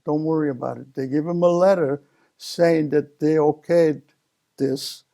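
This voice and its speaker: A man in his seventies, from Italy, telling his life story slowly in an oral history interview, with many pauses and fillers. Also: fairly high pitch, fairly even intonation, vocal fry, mellow. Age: 70s. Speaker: interview guest.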